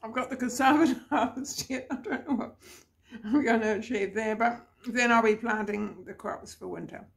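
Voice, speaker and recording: A woman's voice: on the high side, moderate pace, creaky. A woman vlogging casually about her garden, chatty and rambling, often laughing as she talks. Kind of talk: casual chatty vlog to camera. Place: home garden in hot weather.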